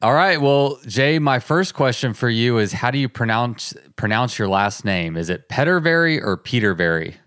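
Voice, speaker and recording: A man's voice: medium pitch, normal speed, few pauses, a bit bright, clean tone. A man hosting a casual interview podcast, upbeat and chatty with self-mocking jokes. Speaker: podcast host.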